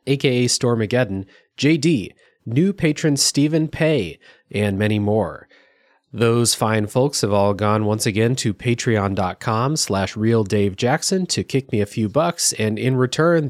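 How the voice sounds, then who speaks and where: A man's voice: mid-range voice, no room sound, clean studio sound. A man hosting a video game review podcast, chatting casually with a guest and using frequent fillers. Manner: relaxed, conversational with frequent fillers. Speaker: podcast host. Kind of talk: casual podcast chat and read sponsor thanks.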